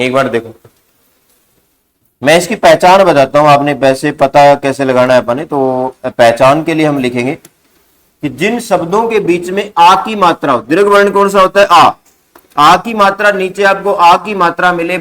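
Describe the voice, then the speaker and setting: A man's voice: fairly high pitch, a bit bright. A man with a slightly raised voice teaches a grammar lesson. He poses questions to the class and answers them himself. He repeats each key word so it can be copied down. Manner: repeats key words for dictation.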